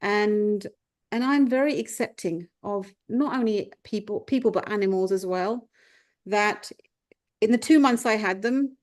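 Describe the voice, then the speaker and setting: This is a reflective podcast conversation with a guest life coach, a thoughtful Englishwoman in her fifties whose first language is Punjabi. She speaks unhurriedly in a medium-pitched, darkish tone, often circling back and restarting.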